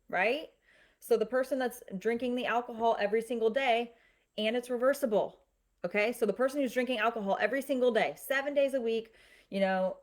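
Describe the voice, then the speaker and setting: A woman in a casual livestream lesson. She has a mid-range voice and talks through her explanation step by step. She keeps checking in with listeners and reacts to their comments. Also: medium pitch. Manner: explains step by step, often checking in with "right?" and "okay?"; conversational, with some restarts. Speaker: livestream presenter answering viewer comments. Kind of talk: live-streamed explanatory talk.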